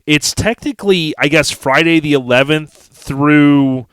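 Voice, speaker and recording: A man's voice: a little high, a little slow, crowd noise. An American man hosting a casual podcast chat, talking enthusiastically and speaking straight to his listeners. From United States. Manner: enthusiastic, addresses listeners directly. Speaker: podcast host.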